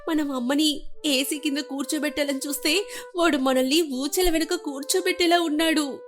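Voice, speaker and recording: A woman voicing a nervous young daughter-in-law in an animated family story. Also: sits high, moderate pace, faint music behind, voice pushed up, close to an everyday voice. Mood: worried.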